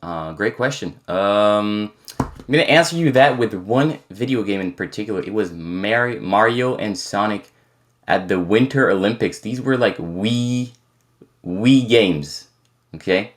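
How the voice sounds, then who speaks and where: Young man, from France, native French speaker, near-American accent, lowish voice, rambling casual q&a. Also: animated, a little slow. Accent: American-leaning English with slight French. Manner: rambling, many restarts and fillers. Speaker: content creator. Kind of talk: casual Q&A chat.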